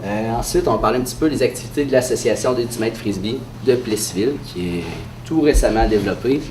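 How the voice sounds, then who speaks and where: A man with a Quebec French accent and a head cold, giving a halting, hesitant presentation as an association president at a press conference. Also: mid-range voice. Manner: hesitant, halting delivery with frequent pauses. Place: indoor room at a press event. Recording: echoey room, distant mic, faint noise.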